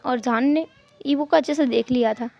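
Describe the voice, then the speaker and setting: A woman tells a fan-fiction story in a chatty, casual way and now and then addresses her listeners directly. Her voice is high and gravelly. The recording sounds muffled and lo-fi. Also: normal speed.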